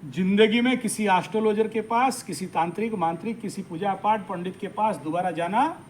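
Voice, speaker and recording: A man with a high, bright voice lectures a workshop audience on astrology. He talks with emphatic, lively energy and slips English phrases in among his points. A faint background hiss sits under the recording. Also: normal speed, low-quality recording. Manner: animated, emphatic, mixes English phrases into speech. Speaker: astrology teacher.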